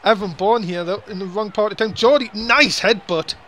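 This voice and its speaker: A man calling a wrestling match play by play, excitable and quick to grumble. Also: high-pitched, slight background noise. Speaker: wrestling commentator.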